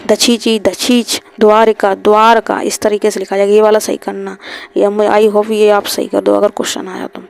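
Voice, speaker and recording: A woman teaching an exam-prep Hindi spelling lesson over a screen recording. She repeats each word and keeps asking quick check questions. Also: medium pitch, completely flat delivery, vocal fry, warm tone. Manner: repeats words and asks quick rhetorical checks.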